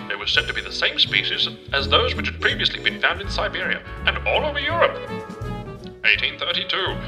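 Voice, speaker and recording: A man's voice: on the low side, voice pushed down, poor audio. A man doing an old-timey newsreel announcer. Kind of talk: 1940s radio acting.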